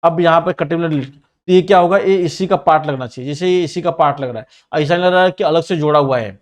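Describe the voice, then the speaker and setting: In a screen-recorded software tutorial, a man with a slightly high voice and a Mumbai Hindi accent guides students through designing a ring in CAD, narrating every click and command. His explanations are plain and direct, and he admits he sometimes talks fast.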